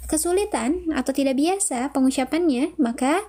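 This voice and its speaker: At normal speed, a woman with a high, animated, mellow voice gives an online lesson in Quran recitation. She is patient and methodical, reading out chat names and the answers viewers post.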